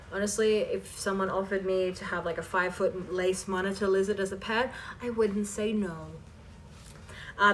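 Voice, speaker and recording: A woman with a medium-pitched, fairly bright voice hosts a casual Q&A chat for her viewers, reading questions aloud and answering them in an informal, emphatic way. The mic is distant and picks up a little hiss or hum.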